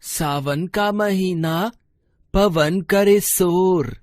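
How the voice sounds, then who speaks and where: A confident young schoolboy , as a woman puts him on, recites and corrects his friend in a very slow, drawn-out sing-song. The voice sits at a middling pitch and sounds dry and close. It belongs to a children's textbook audio lesson. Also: a little mellow, no room sound. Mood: reciting.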